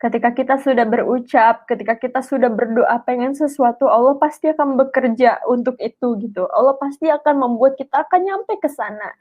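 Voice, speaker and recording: A woman's voice: sits high, a little fast, hardly any pauses. A young woman with tells a personal story in an emotional, rambling way, full of filler words. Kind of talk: personal testimony. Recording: tinny phone-like sound.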